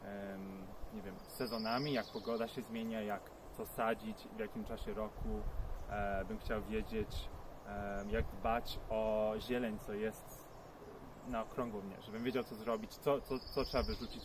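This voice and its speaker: A man's voice: fairly low pitch, moderate pace, background noise. A man answering interview questions outdoors in an earnest, reflective way. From Poland. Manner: reflective, earnest, thinks aloud. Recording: crickets clearly audible outdoors.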